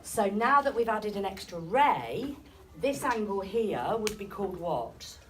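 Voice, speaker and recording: A woman's voice: medium pitch, sing-song, measured pace, fairly bright tone. A woman teacher leading a classroom lesson, asking students questions and encouraging their answers. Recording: distant classroom recording with noise.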